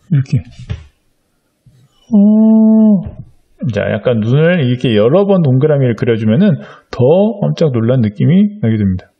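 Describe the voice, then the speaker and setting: A man's voice: mid-range voice, vocal fry, slightly rough, muffled recording. A middle-aged man teaching a drawing lesson to young children, explaining patiently step by step with frequent fillers. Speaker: art teacher.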